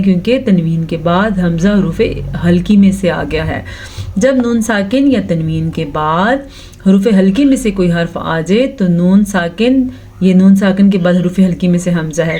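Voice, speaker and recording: A woman teaching Quran recitation with tajweed, patiently explaining each rule step by step and drawing out the recited verses very slowly. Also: medium pitch, darkish tone. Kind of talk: tajweed lesson with slow recitation.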